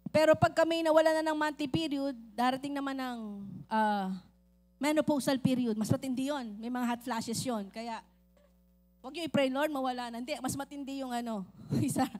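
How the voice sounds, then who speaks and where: A woman pastor preaching a lively, joking sermon that mixes in English phrases and acts out the voices in her stories. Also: high-pitched, moderate pace, soft background music.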